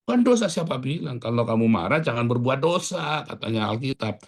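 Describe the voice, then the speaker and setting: A male pastor delivering a sermon in an animated way. He swings from loud, raised lines to soft, quiet asides. Casual street slang slips into his preaching. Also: mid-range voice, fairly quick.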